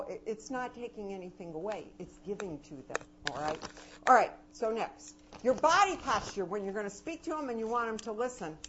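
An older woman giving an animated, anecdotal talk on parenting to a live audience, her voice swinging between soft and loud. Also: medium pitch. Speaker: parenting and education speaker. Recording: dull lo-fi recording with loud noise.

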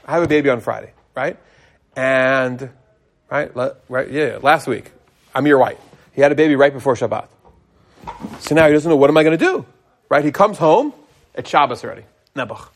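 A middle-aged man giving an informal religious law class as a rabbi, conversational and animated, often asking and answering his own questions. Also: mid-range voice, moderate pace, long pauses.

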